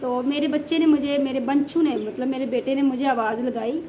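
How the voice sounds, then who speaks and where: A high-pitched woman from the Jammu region tells a family story on her home vlog. She talks in a casual way and says things twice to drive them home. A faint hiss sits under her voice. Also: steady tone, fairly quick, mellow. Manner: emphatic, repeats phrases for stress. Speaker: village housewife vlogger.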